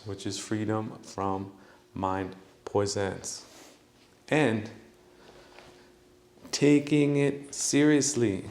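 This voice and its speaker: A man's voice: on the low side, creaky, a little mellow, echoey room. A man hosting a podcast, giving a mocking, preachy spiritual monologue that he breaks up with laughs. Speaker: podcast host.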